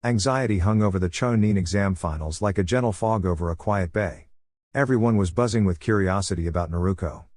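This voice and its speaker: A man narrating a fan fiction story in an even storytelling read, voicing every character himself. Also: sits low, fairly quick, no room sound.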